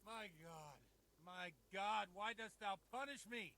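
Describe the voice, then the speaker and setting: A man's voice: high-pitched, slow pace, pushed and bright, exaggerated voice. An actor playing a male priest who laments aloud to God in archaic phrasing, in video game dialogue. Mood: lamenting.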